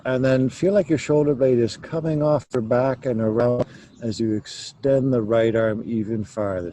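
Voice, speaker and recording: A man leading a yoga class, calmly cueing each stretch step by step. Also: medium pitch, slight background noise. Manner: slow, calm cueing of stretches. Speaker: yoga teacher. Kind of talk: guided yoga instruction.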